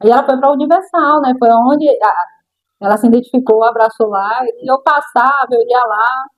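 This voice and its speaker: A middle-aged woman with a Brazilian accent shares her personal testimony as an interview guest, acting out the voices of the people in her story. Her pitch is fairly high and her pace moderate, but the audio is poor.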